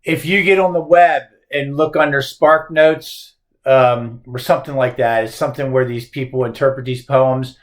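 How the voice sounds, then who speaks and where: A man's voice: mid-range voice, fairly even intonation, moderate pace. A male teacher lecturing on a poem, posing emphatic rhetorical questions.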